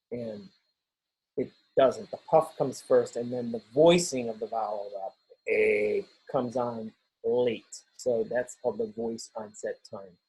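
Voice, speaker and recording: Male instructor, husky, mellow tone, unhurried recorded lecture. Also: mid-range voice, poor audio. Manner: slow, explanatory, switching between English and Spanish, frequent fillers. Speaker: university instructor.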